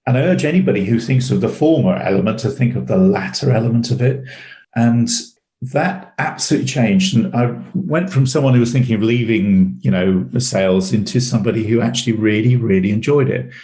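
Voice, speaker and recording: A man's voice: fairly low pitch, brisk, warm tone, echoey room. A middle-aged man, a sales trainer, telling rambling stories as an interview guest and often repeating words. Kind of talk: casual interview storytelling.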